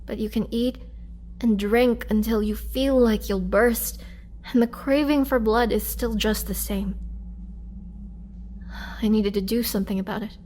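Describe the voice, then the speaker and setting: Her voice a little high, a woman plays a centuries-old captive vampire with a youthful look, gentle and full of sorrow, recounting her tale haltingly and quietly for a dramatic roleplay. The acting is light, and the mood is weary and confiding. A little hiss or hum sits under the audio.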